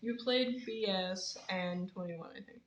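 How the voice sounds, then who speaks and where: A woman's voice: mid-range voice, measured pace. Teasing teenage girl chatting in an echoey room. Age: teens. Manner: chatty, teasing, deadpan asides. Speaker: podcast co-host. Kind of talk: casual chat.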